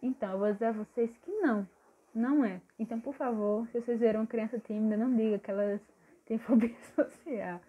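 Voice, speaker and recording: A young woman vlogger chatting casually to the camera, lively and talking straight to her viewers. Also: on the high side, quick pace, slightly rough. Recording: tinny phone-like sound.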